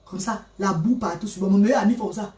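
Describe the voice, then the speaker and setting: A woman telling a personal story in a dramatic, repetitive way that swings between loud and hushed. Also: medium pitch, quick pace. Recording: roomy, from a distance.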